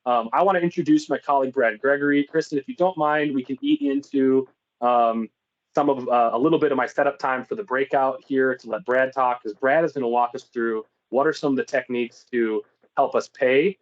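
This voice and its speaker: A man's voice: mid-range voice, fairly quick. Man presenting conversationally on muffled audio. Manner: explanatory, conversational. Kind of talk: informal webinar business presentation.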